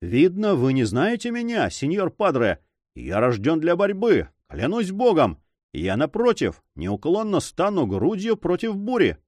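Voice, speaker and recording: A proud forester with a fierce sense of honor, bursting out in passionate exclamations, as a male reader puts him on. His voice swings widely in pitch, and the sound is close and dry. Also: very animated, normal speed, a little mellow, no room sound, close to an everyday voice. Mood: defiant. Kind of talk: audiobook character reading.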